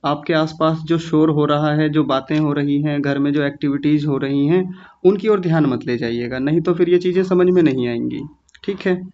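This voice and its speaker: A male teacher with a slightly higher voice patiently breaks words into syllables and repeats them slowly for his students. The sound is dull and lo-fi, like audio from an online class. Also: steady tone, darkish tone. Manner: patient, slow syllable-by-syllable drilling. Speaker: Sanskrit recitation teacher.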